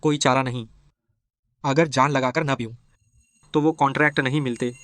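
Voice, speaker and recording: An actor playing a calm, scornful ex-husband who cuts others down in a dubbed short drama. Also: male voice, medium pitch, normal speed, no echo, lightly acted. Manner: cold, cutting.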